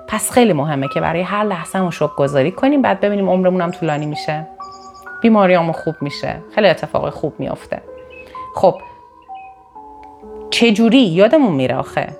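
A woman from northern Iran giving an animated motivational talk to her viewers. She often jumps up in pitch for emphasis and restarts or corrects herself mid-sentence. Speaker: motivational speaker. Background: faint background music.

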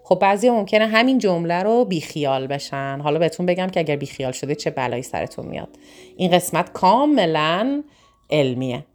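A woman's voice: on the low side, animated, darkish tone, soft background music. A woman coaching listeners in a recorded self-help lesson, stressing key words by drawing them out and repeating phrases. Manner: speaks directly to listeners, repeats words for emphasis.

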